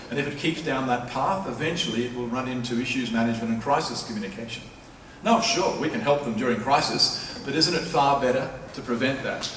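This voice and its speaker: A university professor delivers a public lecture in a large hall, his mid-range male voice carrying a fairly bright tone. He argues emphatically and persuasively, repeating key phrases for stress. The recording echoes, with a distant mic and faint noise.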